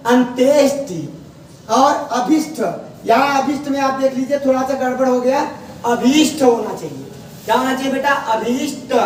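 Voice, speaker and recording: A man teaching a spelling lesson, slowly drawing out each word and asking his students to repeat it. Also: very high-pitched. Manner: slow, drawn-out repetition of words, often asks students back. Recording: echoey room from far off, faint noise.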